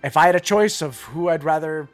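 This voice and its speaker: A man's voice: fairly high pitch, brisk, faint music behind. A man co-hosting a casual fan podcast, chatting animatedly with hesitant fillers. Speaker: podcast co-host. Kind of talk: casual chat.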